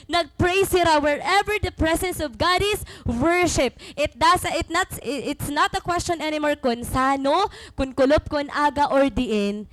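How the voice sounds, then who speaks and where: A young woman preacher from Samar with a Waray Filipino accent gives a sermon, switching between Waray and English in an animated, teaching way. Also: high voice, no echo, low-quality recording. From Samar, Philippines. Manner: animated, mixing Waray and English mid-sentence; teaching, repeats and defines key words.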